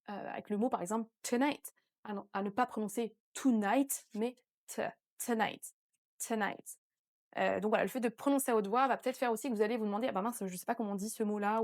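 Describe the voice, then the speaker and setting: A woman's voice: a little high, darkish tone. Woman giving an English lesson. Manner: clear, encouraging, addresses viewers directly. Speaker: English teacher. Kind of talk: online language lesson.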